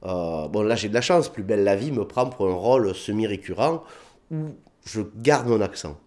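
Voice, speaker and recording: Here a comedian with a southern French accent speaks at normal speed in a lowish voice. His anecdotes in this laid-back interview are animated, with acted-out dialogue and many filler words.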